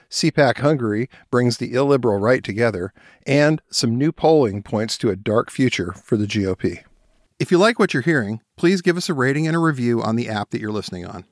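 A man co-hosting a political podcast, speaking in a measured, deliberate way. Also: medium pitch, lively intonation, no room sound, clean studio sound. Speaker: podcast co-host.

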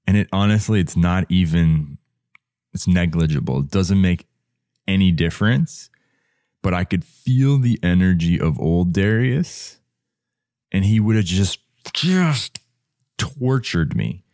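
A man vlogging about his own experience in casual speech, lively and animated, acting out what he said and thought. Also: low voice, measured pace, no room sound, clean studio sound. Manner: animated, acts out quotes of himself. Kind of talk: casual storytelling to camera.

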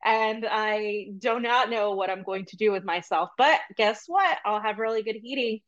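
A young woman of medium pitch speaks in a lo-fi recording as a podcast guest. Originally from Peru and raised in Florida, she chats loosely in casual interview talk, sprinkling in ums and quick asides.

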